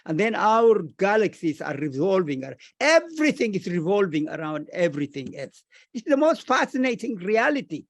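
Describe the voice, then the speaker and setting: Speaking as a scholar on a panel, this man takes an earnest, deliberate tone in a reflective discussion and repeats phrases for emphasis. His voice is high, and the recording is dry.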